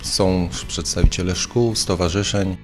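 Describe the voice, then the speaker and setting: A man's voice: low-pitched, fairly even intonation, unhurried, soft background music. A man giving an informal spoken invitation to a public event in an interview. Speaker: event organiser.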